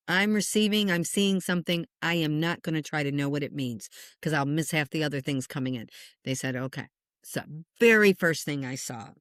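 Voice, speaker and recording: A middle-aged woman, a spiritual medium, answering interview questions in an animated storytelling way, acting out what people said. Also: deep voice, dry recording, clean studio sound.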